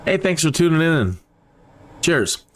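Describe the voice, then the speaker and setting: A man's voice: fairly high pitch, a little slow. A man doing casual, playful live commentary on a flight simulator stream, rambling along in a chatty way. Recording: steady background noise.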